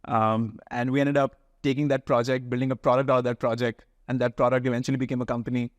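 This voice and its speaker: A man's voice: medium pitch, flat delivery, fast, no echo. A young man from India with an educated Indian accent, giving informal, explanatory answers as an interview guest.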